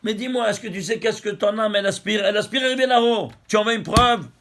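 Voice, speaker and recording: High, gravelly-voiced rabbi teaching. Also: male voice, quick pace, fairly bright tone. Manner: asks rhetorical questions and answers them himself; emphatic, marvels aloud. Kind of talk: Torah lesson.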